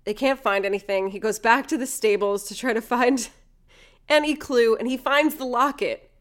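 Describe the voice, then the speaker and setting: A woman's voice: fairly high pitch, moderate pace. A woman in casual chat, animatedly retelling a film plot, acting out the characters' lines and swearing now and then. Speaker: podcast host retelling a film.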